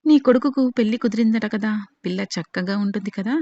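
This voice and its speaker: A woman's voice: medium pitch, quick pace, mellow, dry recording, natural voice. A woman voicing a determined young woman who protects her sister and stands up to a villain, in a dull lo-fi recording. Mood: defiant. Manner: firm, defiant.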